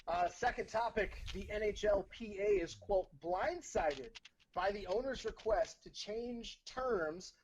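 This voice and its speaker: A man's voice: high-pitched, unhurried, highs cut off, slight background noise. A man co-hosting a sports podcast, giving blunt takes and often repeating himself. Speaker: podcast co-host. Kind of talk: casual sports talk.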